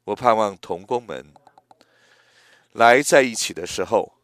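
Older male preacher in his 80s, slow and gentle, lowish voice, dry sound. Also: no echo. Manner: slow, gentle, reflective, with hesitant restarts. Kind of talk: sermon.

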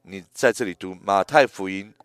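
A man in his eighties preaching a sermon in a gentle, reflective way, often pausing and restarting his phrases. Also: deep voice, clear, resonant tone, dry recording, studio quality. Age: 80s.

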